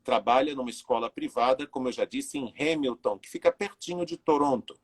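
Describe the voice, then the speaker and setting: Man, 60s, live interview host, chatty, filler-heavy, even mid pitch. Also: fairly quick, breathy edge. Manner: chatty, warm greetings to viewers with many fillers.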